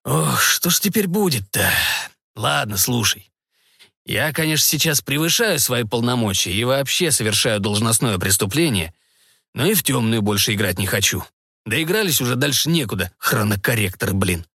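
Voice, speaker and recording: A man voicing a gruff older male counter-admiral who talks bluntly in an audiobook. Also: mid-range voice, lively intonation, moderate pace, pushed and bright, no room sound, studio quality, heavily acted. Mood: confiding. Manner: blunt, clipped. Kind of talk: audiobook character voice.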